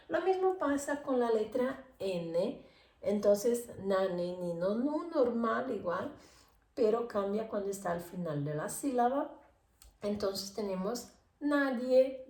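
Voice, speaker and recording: Woman, Spanish teacher, slow careful delivery, repeats words, echoey room. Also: medium pitch, darkish tone. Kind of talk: language lesson for Portuguese speakers.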